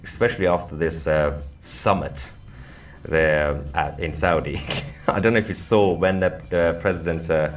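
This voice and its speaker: A man co-hosting a podcast with casual political commentary, measured and hesitant with frequent pauses. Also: very deep voice. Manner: measured, hesitant with many uhs. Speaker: podcast co-host.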